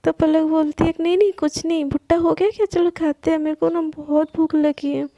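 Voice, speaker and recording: High gravelly-voiced young woman storyteller. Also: fairly even intonation, a little fast, dark tone, dry recording. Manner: narrates in a chatty way, voicing both girls' lines. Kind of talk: casual storytelling narration with acted dialogue.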